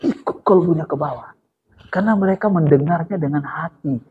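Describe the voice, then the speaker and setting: A male preacher delivers a lively sermon and turns often to his listeners. His voice is husky and sits a little high. It sounds dull and lo-fi, with long reverb from the hall around him. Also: brisk. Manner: lively, addresses listeners directly as sir, chants God's name. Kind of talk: sermon to a study gathering. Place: religious study gathering hall.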